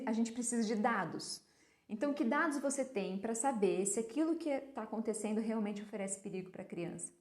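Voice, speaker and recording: A woman's voice: mid-range voice, reverberant. A woman talking casually on a live stream about raising children, often asking questions and answering them herself. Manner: explains with rhetorical questions and answers; acts out gentle talks with a child. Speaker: parenting educator.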